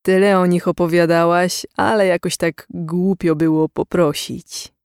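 Narrator voicing a hesitant, gentle man. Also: high voice, little pitch movement, clear, resonant tone, no echo, clean studio sound. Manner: hesitant, slow, sparing with words. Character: gentle, evasive young man, an accountant.

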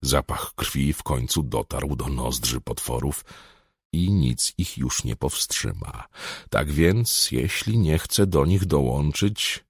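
A man's voice: very deep voice, breathy edge, no echo, clean studio sound. A man reading an audiobook aloud in a dramatic style, swelling on tense moments. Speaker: audiobook narrator. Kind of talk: scripted audiobook narration.

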